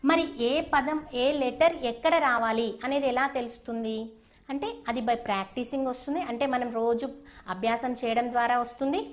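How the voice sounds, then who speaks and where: A woman gives a recorded lesson to young children. Her voice sits a little high, and she explains each sound patiently. She draws out the sounds so the class can repeat them. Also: moderate pace. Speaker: teacher.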